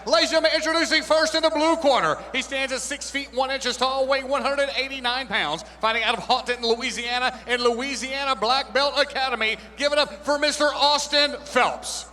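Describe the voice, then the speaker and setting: A man with a very high, bright, forceful voice acts as a boxing ring announcer, presenting fighters with theatrical ceremony. His formal, drawn-out introductions boom through an arena PA with long reverb. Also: fairly even intonation. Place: indoor arena, over a PA system. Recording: loud arena PA with long echo.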